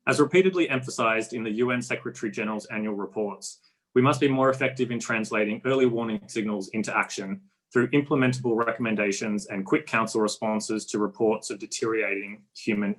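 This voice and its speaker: A man, a diplomat, reading prepared closing remarks in a formal, measured way. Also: on the low side, a bit bright.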